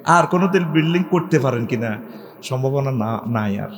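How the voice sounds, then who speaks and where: A man's voice: mid-range voice, expressive, moderate pace, big-room sound, faint music behind. Joking preacher man, call-and-response. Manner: joking, calls out to crowd, sings phrases. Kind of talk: humorous sermon.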